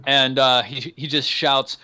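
A man's voice: medium pitch, little pitch movement, measured pace, bright, forceful tone. A man narrating a tabletop game as game master, casual with many fillers.

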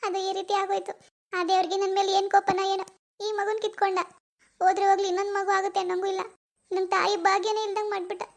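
A woman's voice: very high voice, level tone, fast talker, voice pushed up. A woman voicing a young woman in a cartoon who is grieving her lost baby, sobbing out pleading questions.

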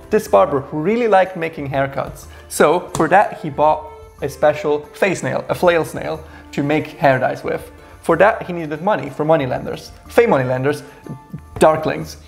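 Male co-host, 30s, sarcastic review chat, some vocal fry. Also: fairly high pitch. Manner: wry, sarcastic storytelling. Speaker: co-host reviewing a game adventure. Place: small indoor room with shelves.

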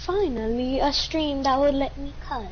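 A woman playing as a teammate in a shooter game, chatting with slow, mock-dramatic outrage. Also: high-pitched. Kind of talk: casual gaming chat. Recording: lo-fi with faint noise.

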